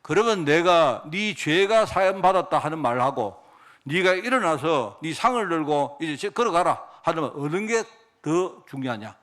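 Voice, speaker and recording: Jesus, quoted by a preacher, calm authority, slow measured delivery, raised voice. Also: male voice, on the high side. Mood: solemn.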